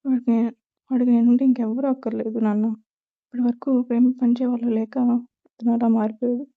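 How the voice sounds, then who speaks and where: A woman's voice: a little high, flat delivery, brisk, natural voice. Woman doing a shy, tearful young woman, pleading, in tinny lo-fi sound. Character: timid, emotional young woman.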